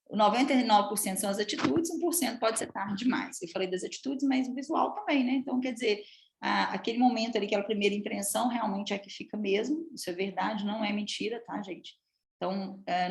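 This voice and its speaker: A woman from Minas Gerais with a Minas Gerais accent, a public speaking coach giving a lively, chatty live talk and addressing the audience often. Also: medium pitch, roomy sound. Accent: Minas Gerais Portuguese. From Minas Gerais, Brazil. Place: room with an audience.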